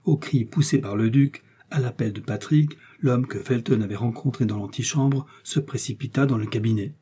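This is a male audiobook narrator reading a historical novel in a measured, dramatic way. His voice is mellow and dark with a husky grain, at a middle pitch.

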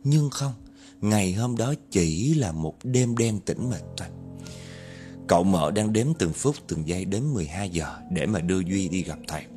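A man's voice: low voice, animated, moderate pace, mellow, faint music behind. A man telling a spooky story dramatically and speaking directly to his listeners. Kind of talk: spoken horror storytelling.

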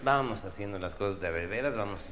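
A Mexican-accented male comedian spins a crude, profane tale, his pitch swinging widely as he punches each line. The recording is dull and lo-fi. A steady wash of noise sits behind him. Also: quick pace. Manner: profane, animated, punchy asides. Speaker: stand-up comedian. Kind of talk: crude stand-up storytelling.

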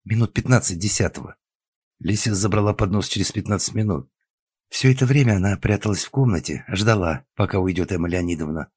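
A man narrating an audiobook with expressive storytelling. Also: low voice, fairly quick, slightly rough, no echo. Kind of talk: scripted narration.

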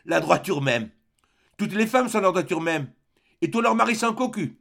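A bitter, sneering young man spits out mocking words in a raised, jeering voice, as a male audiobook narrator puts him on. His tone climbs sharply and sounds gravelly, full of cruel sarcasm. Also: sits high, sing-song, moderate pace, fairly bright tone, voice pushed up, exaggerated voice. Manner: sarcastic, with dry forced laughter. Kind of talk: audiobook character reading.

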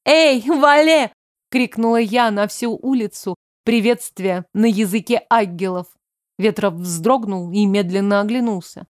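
A woman's voice: mid-range voice, fairly even intonation, moderate pace, darkish tone, no echo, clean studio sound. A woman reading a first-person story aloud as an audiobook narrator, expressively. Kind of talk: scripted narration.

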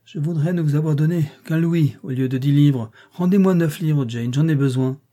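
A man reading a brusque teasing gentleman. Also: a little high, moderate pace, voice pushed up, lightly acted. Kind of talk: audiobook reading.

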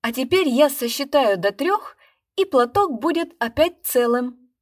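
A woman's voice: high-pitched, animated, unhurried, voice pushed up. A woman voicing a nervous, shabby male stage magician with a trembling, apologetic patter. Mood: showman patter.

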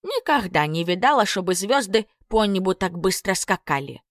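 A woman's voice: mid-range voice, expressive, moderate pace, dry recording, clean studio sound, natural voice. A woman voicing a stubborn, grumpy old witch who grumbles and sighs in an audiobook story. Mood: grumbling. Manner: grumbling, sighing.

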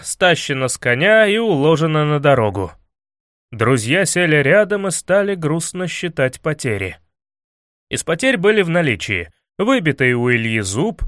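A man's voice: a little high, a bit bright, no echo. Man narrating a comic fairy tale. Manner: dry, mock-epic storytelling.

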